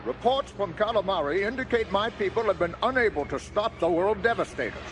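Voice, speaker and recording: An actor playing a grave alien admiral in an audio drama, speaking formally in solemn declarations. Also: male voice, high voice, lively intonation, fairly quick, fairly bright tone, a little hiss or hum. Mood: grim. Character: grave alien admiral defending his doomed people. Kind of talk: audio drama acting over orchestral score.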